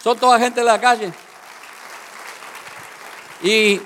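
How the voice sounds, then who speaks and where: A man preaching with passion, his voice sitting very high. He drifts between calm retelling and loud, fervent bursts. The sound rings with the long reverb of a church hall. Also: slow pace, some chatter behind. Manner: impassioned, swings from storytelling to shouting. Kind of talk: sermon.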